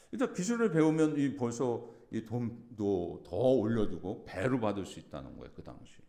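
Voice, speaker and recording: A male pastor preaching a sermon, telling a personal story and acting out the quoted lines, rising to loud emphatic peaks. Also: sits low.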